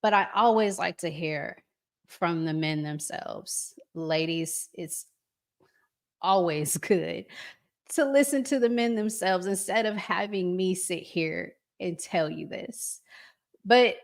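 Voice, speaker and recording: A woman with a lowish voice hosts a live stream, offering casual, conversational commentary to viewers with deliberate pauses.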